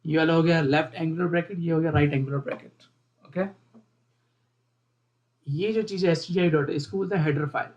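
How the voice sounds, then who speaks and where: Man, programming teacher, slightly high voice, step-by-step explanations, repeats terms, asks viewers questions. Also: fairly even intonation, a little fast, pauses often, darkish tone, muffled recording. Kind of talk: screen-recorded coding lesson.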